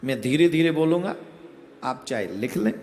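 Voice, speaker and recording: A man preaching a devotional discourse, giving slow, step-by-step instruction. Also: a little high, animated, darkish tone. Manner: slow, instructive, chants a Sanskrit verse in a sing-song. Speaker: spiritual preacher. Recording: echoey hall with faint music behind.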